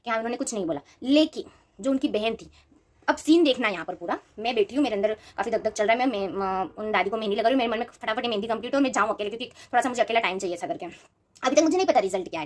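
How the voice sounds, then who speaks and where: A young woman casually telling a personal story, animated and rushed, with many restarts. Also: a little high.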